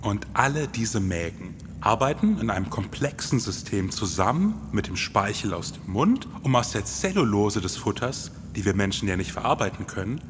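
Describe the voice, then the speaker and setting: Pitched lowish with big swings in intonation, his voice moves at a normal speed with hardly any pauses, and a little hiss or hum can be heard. He is a man in his forties co-hosting a scripted, performative podcast, enthusiastic and colloquial, over music with long reverb.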